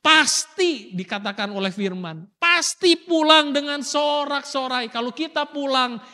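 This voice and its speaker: A middle-aged male pastor preaching a sermon in a lively way, with rhetorical questions and acted-out asides. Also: very high voice, a little slow, big-room sound.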